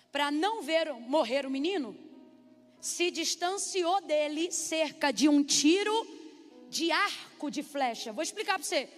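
Lady preaching, really high voice, gets the crowd saying amen, echoey hall. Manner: animated, calls for congregation responses. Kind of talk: sermon. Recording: long reverb hall, faint music.

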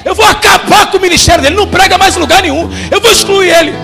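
A man's voice: very high voice, animated, fairly quick, creaky, over music, a crowd in the background, heavily acted. A man voicing a stuck-up, irritable middle-aged pastor who talks in a scornful, exasperated way. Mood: outraged.

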